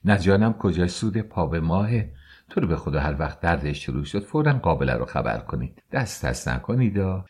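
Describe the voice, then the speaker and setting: An older woman from an audiobook tale, anxious and pleading as she fusses over a young relative, voiced by a man. Her voice sits deep and husky. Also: sing-song, a little mellow, exaggerated voice. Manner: pleading, fussy.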